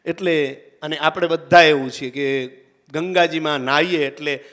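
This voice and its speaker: A man's voice: a little high, fairly even intonation, unhurried, fairly bright tone. A man telling a devotional story to a live audience, chanting verses and voicing the characters in turn. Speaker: religious storyteller and event emcee.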